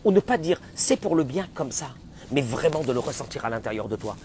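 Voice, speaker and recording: A man, a rabbi, giving a dramatic Torah class, acting out the voices of complaining people and swinging from loud cries to hushed whispers. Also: mid-range voice, lively intonation, brisk, a little hiss or hum. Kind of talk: animated sermon.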